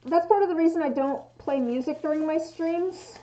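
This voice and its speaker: Female craft streamer, high-pitched, talking casually through a mask, muffled and dull. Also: normal speed, mellow. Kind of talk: casual livestream chat while crafting. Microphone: livestream mic, voice through respirator mask.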